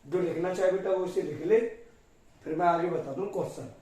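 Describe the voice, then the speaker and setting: Heard from a distance in a very echoey classroom, this math teacher speaks fairly quickly in a mellow, slightly high voice. He breaks the problem into steps at the board and keeps affectionately addressing his students as "beta."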